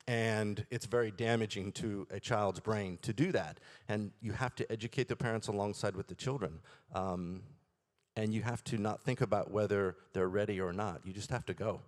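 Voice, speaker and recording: A man who heads a school, speaking on a conference panel in a steady, earnest way. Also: on the low side, normal speed. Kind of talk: panel discussion.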